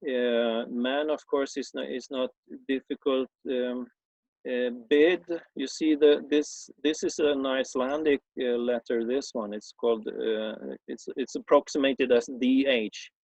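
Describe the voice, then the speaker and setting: In a dry, low-quality recording, a former schoolteacher from Sweden explains something informally in his Swedish-accented English, his native tongue being Swedish. His mid-range voice is steady and a little mellow, though his speech halts with many fillers and restarts.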